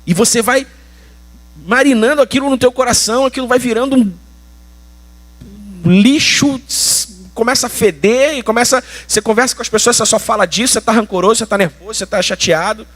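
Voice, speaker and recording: A man's voice: extremely high pitch, brisk, a bit bright. A Brazilian man preaching a sermon as pastor, colloquial and emphatic, with slangy asides. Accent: Brazilian Portuguese.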